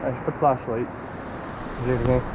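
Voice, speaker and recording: A man's voice: mid-range voice, flat delivery, dull audio. A man chatting casually and profanely as he vlogs an outdoor adventure, full of exclamations. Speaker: vlogger. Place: outdoors at a rocky river and cave. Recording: loud rushing water noise, outdoor handheld recording. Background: loud rushing water.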